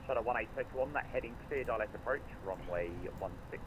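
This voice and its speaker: A man's voice: medium pitch, quick pace. A man working as an air traffic controller, reading out procedural instructions over the radio. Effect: radio transmission. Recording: noisy radio with engine drone behind.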